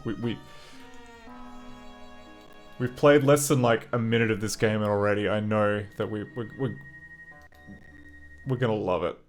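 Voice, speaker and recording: A man's voice: on the low side, measured pace, pauses often, soft background music. A man chatting casually and with amusement as he streams an old computer game. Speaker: streamer playing a retro game. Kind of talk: casual live-stream commentary.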